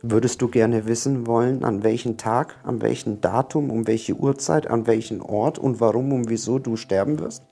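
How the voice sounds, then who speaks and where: A man speaks straight to the viewer in an earnest self-help monologue, circling back over his points again and again. His voice is husky and sits at a middle pitch. Faint music runs underneath. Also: normal speed, few pauses, mellow.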